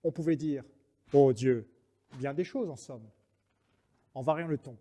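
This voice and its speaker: A man's voice: medium pitch, a little slow, mellow, close to an everyday voice. An actor playing a proud, mocking swordsman poet in a French verse monologue, declaiming like a hammy stage actor. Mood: mocking, indignant. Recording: reverberant hall sound.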